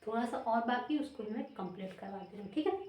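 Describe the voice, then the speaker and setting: A woman's voice: fairly high pitch, lively intonation, fast, mellow. A woman teaching memory tricks in Hindi with a Bihari accent, repeating each word over and over as a drill. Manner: repetitive, chanting drills. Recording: roomy, from a distance.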